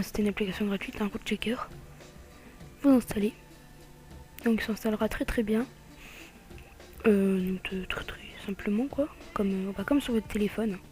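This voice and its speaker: A woman with a French accent narrates a casual screen tutorial in a slightly high voice. She hesitates often and fills pauses with "euh". She keeps slipping into a soft half-whisper over faint background music. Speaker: tutorial maker.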